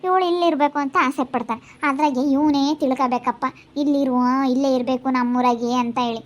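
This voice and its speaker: A woman's voice: high-pitched, close to an everyday voice. A woman playing a chatty, sympathetic neighbor lady who tut-tuts over the young wife. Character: gossipy sympathetic woman neighbor, middle-aged.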